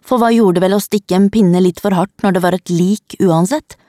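A woman reading a children's story aloud in the first person, in a calm and even storytelling manner, close to the microphone. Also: medium pitch, dry recording. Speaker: narrator.

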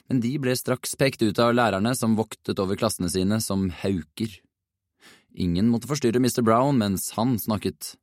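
A man narrating a children's storybook in an even, measured reading. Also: fairly low pitch, dry recording, clean studio sound. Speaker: audiobook narrator.

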